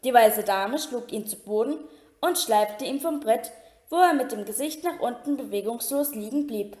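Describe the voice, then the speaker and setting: A woman reads a story aloud in a steady, even storytelling way, now and then tripping and restarting a word. Her voice sits a little high. A roomy echo hangs around the recording. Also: normal speed. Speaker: reader. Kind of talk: amateur audiobook reading.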